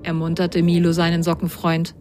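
A woman narrating a children's storybook in a lively, expressive way. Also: lowish voice, moderate pace, loud music behind the voice.

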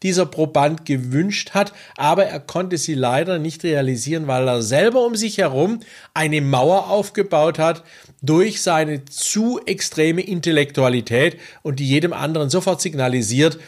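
A man working as a coach, giving a measured, deliberate interview answer with occasional hesitations. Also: on the high side.

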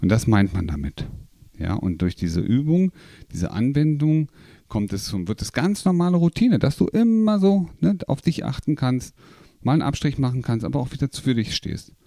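A man's voice: mid-range voice, very animated, moderate pace, gravelly, mellow, no room sound, studio quality. A man coaching a listener, explaining with examples, rhetorical questions and frequent tag questions. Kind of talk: coaching talk in a podcast.

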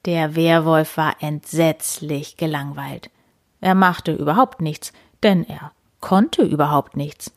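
A woman reading a children's story aloud as narrator, in a clear storytelling manner. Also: low-pitched, slow, dry recording, studio quality.

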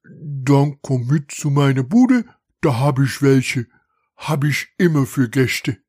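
A man's voice: medium pitch, takes it slowly, darkish tone, no echo. A man voicing a big male house mouse who works as a security guard, speaking in a thick regional dialect with dry amusement. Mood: amused.

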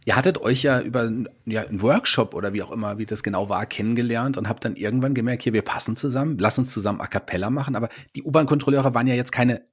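A man's voice: medium pitch, rapid-fire, few pauses, breathy edge. A man hosting a casual interview podcast from his small home studio, chatty and emphatic. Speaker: podcast host.

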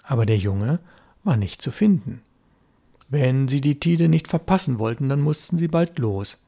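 Male storybook narrator, steady calm read, gravelly, dark mellow tone. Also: medium pitch, moderate pace.

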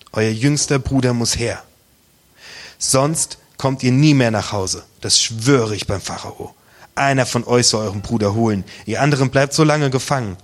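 A man reading out the lines of a stern, powerful ruler who accuses his brothers, slow and harsh, with a husky voice. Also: medium pitch, close to an everyday voice.

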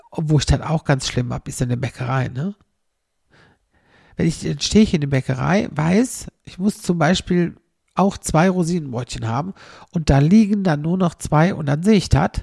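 Her low, creaky voice has a darkish tone and a breathy edge as this middle-aged woman chats through rambling comic tales. Nearly every sentence ends in a questioning "ne", and the studio-quality recording has no echo.

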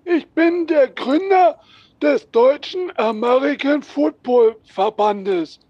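A man voicing a boastful old founder who tells his stories slowly. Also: very high voice, a little mellow, dry recording, muffled recording, pitched above the performer's own voice. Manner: slow, boastful storytelling.

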